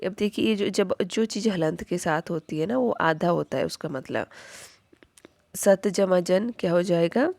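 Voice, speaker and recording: A woman teaching grammar at an unhurried pace. Her voice is low and has a gravelly edge. She keeps turning each rule into a question and answering it. The recording is dry, with no room sound. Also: darkish tone, no echo. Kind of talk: Hindi grammar lesson.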